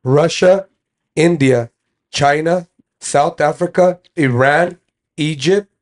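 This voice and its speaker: A young man co-hosting a casual podcast chat, explaining things in a halting way as he reads lists off his phone. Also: fairly high pitch. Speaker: podcast co-host.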